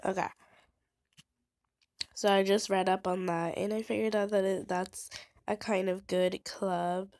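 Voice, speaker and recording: A woman's voice: mid-range voice, little pitch movement, measured pace, pauses often, a little mellow, no echo. A young woman with a stuffy, nasal voice, chatting casually and laughing as she plays a game. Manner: chatty, laughing, reads game text aloud. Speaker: let's play gamer.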